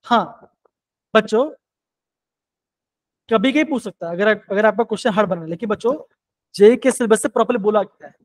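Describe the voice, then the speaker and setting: A man with a high, light voice, teaching chemistry live online. He keeps circling back to his questions and coaxing his students to answer. His talk is steady and encouraging. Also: rough recording.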